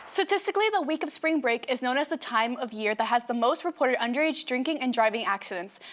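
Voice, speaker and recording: Young female student anchor, very high voice, rapid read of scripted news. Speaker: student co-anchor of mock newscast.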